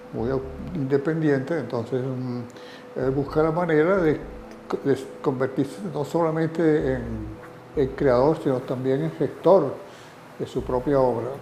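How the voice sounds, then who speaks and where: A man explains his subject slowly in a documentary interview, hesitating and filling his pauses. His voice is mellow and dark, and the room around him echoes. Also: mid-range voice. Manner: slow, hesitant, with fillers. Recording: roomy interview audio.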